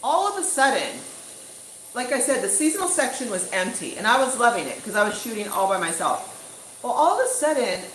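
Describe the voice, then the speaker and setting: Woman vlogger, mid-pitched, chatty storyteller; roomy echo, faint background hum. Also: fairly quick. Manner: chatty, animated, full of fillers like "you know" and "like". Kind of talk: casual storytime vlog. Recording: echoey room with faint ambience.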